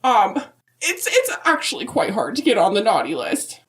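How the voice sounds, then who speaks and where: A woman's voice: mid-range voice, wildly swooping pitch, normal speed. A woman playing a centuries-old, chatty and opinionated Mrs. Claus in a comic podcast interview, rambling with folksy emphasis. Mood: opinionated, emphatic.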